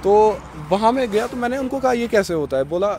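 A man's voice: sits high, animated, fairly quick, background noise. A man of twenty-one from Kashmir, a young restaurant owner, answering interview questions outdoors in earnest talk mixed with English phrases. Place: outdoors in a village courtyard. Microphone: handheld mic held by the interviewer.

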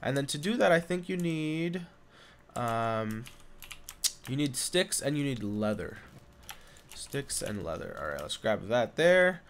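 A young man with a stuffy nose from being sick, rambling casually over his gameplay with lots of fillers and bursts of excitement. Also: medium pitch. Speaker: gaming YouTuber. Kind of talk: casual Minecraft let's play commentary. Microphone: condenser desk mic.

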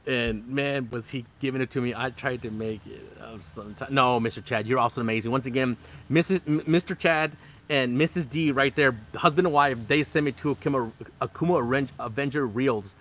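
A man's voice: mid-range voice, steady tone, a little fast, fairly bright tone. A middle-aged man hosting a fishing channel, chatting casually on a live stream from his backyard, with plenty of fillers, restarts and bursts of laughter. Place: outdoors in a backyard under a canopy. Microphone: phone camera close up.

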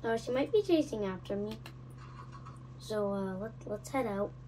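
A young woman giving casual game commentary, excitable and jumpy, swinging from nervous mumbles to loud surprised outbursts. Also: mid-range voice, moderate pace, slight background noise, rough recording. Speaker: gaming channel host.

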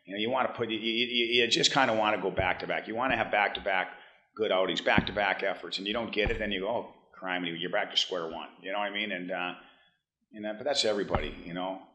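A head hockey coach in his fifties giving a postgame press conference, talking in halting bursts with many restarts, blunt and frank. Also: lowish voice, steady tone, background noise. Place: press room in front of a team backdrop.

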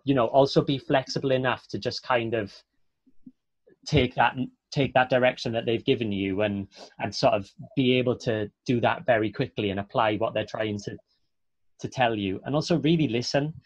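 Talking through an earphone mic on a video call, a young actor from Wales rambles casually as a guest, with lots of fillers and restarts in his Welsh-accented speech. He speaks at normal speed in a medium pitch with fairly even intonation, and the audio is dry, slightly dull and echo-free.

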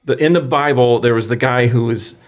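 A man's voice: mid-range voice, steady tone, a little fast. A man who is a writer and producer, chatting as a podcast guest and telling a story with restarts. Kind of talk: casual podcast chat.

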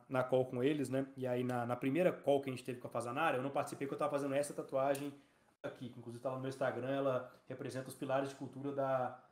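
A man, a company founder as a podcast guest, telling stories in an animated, slangy way. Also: medium pitch. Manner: fast, animated storytelling with slang. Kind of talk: casual interview chat.

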